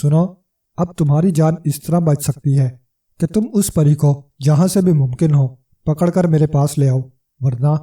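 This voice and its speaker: A man's voice: on the high side, dark tone, far from the mic, close to an everyday voice. A man voicing a huge, domineering wife who snarls and bosses her husband, in a storybook reading. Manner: bossy and snarling.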